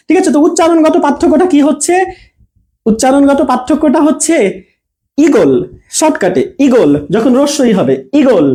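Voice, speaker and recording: Mellow-voiced male teacher asking his class questions. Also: very high-pitched. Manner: explains patiently, asks the class questions and answers them. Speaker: Bangla teacher. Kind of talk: online class lesson reading viewer comments.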